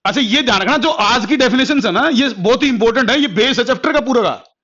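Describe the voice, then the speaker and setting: A man's voice: extremely high pitch, expressive, fast, sharp tone. A man teaching a physics class as a classroom lecture, repeating each point and explaining step by step. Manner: repetitive, explains step by step, calls students "beta". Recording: dull lo-fi recording.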